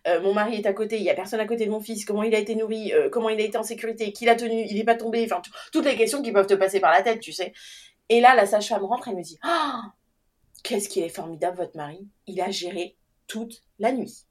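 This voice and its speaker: Rapid-fire and medium-pitched, a young woman relates a personal story in a relaxed chat. She acts out the dialogue she quotes with animation and laughs frequently along the way.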